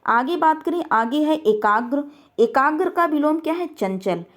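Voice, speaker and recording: A woman teaching a grammar lesson, posing questions and answering them herself, repeating key words slowly. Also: sits high, expressive.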